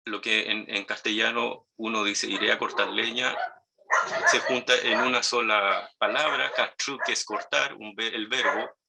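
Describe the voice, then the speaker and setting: A man with a Chilean Spanish accent teaching a language lesson, patiently repeating and modeling each word slowly. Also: fairly low pitch, steady tone, gravelly, pushed and bright, slight background noise, poor audio. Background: dogs barking nearby.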